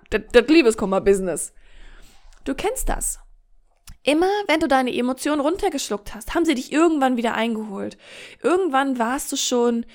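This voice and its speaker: A woman hosting a podcast monologue, speaking straight to the listener in an encouraging, vivid way and acting out little scenes. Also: fairly high pitch. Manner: warm, encouraging, direct address. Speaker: podcast host, coach.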